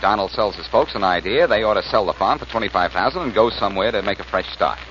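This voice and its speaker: Insistent amateur sleuth, male actor: rapid, forceful, earnest 1940s radio delivery. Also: fairly low pitch, lightly acted. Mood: persuasive. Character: quick-witted, urgent amateur detective hero. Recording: dull old radio recording, faint noise.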